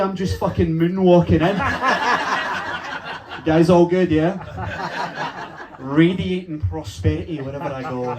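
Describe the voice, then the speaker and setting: A young man with a Glaswegian Scottish accent doing a stand-up comedy set in a club, telling punchy stories with swearing and acting out shouted lines. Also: on the high side, very noisy. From Glasgow, Scotland. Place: comedy club with a live audience. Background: audience laughter.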